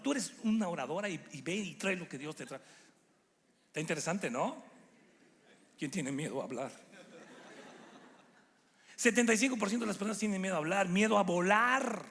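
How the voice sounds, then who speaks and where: A middle-aged man preaches from a church stage, his voice sitting a little high for a man. He talks with animation and slips into put-on voices for the people he quotes. The sound rings with the long reverb of a big hall. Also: lively intonation, fairly quick, pauses often, fairly bright tone. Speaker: guest preacher. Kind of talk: sermon.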